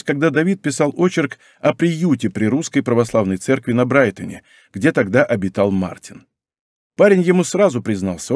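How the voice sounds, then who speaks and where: A man reads an audiobook aloud in a steady, even manner, his voice at an ordinary pitch. He is recorded on a close mic with a dry sound and no room echo. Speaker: narrator. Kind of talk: audiobook narration.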